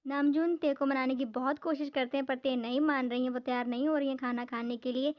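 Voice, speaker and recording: A woman's voice: sits high, steady tone, brisk. A woman narrating a fan dub story in a plain, explanatory way. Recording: dull lo-fi home recording.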